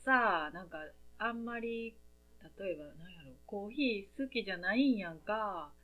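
A woman's voice: medium pitch, expressive, normal speed, sharp tone. A woman with a Kansai accent, chatting casually and rambling a little as a podcast host. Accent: Kansai Japanese. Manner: chatty, rambling, laughs often. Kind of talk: casual chat.

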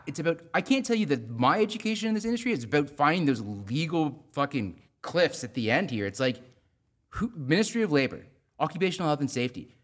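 A Canadian man, a general contractor, ranting in a casual podcast chat and swearing freely. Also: a little high. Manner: swears a lot, heated ranting.

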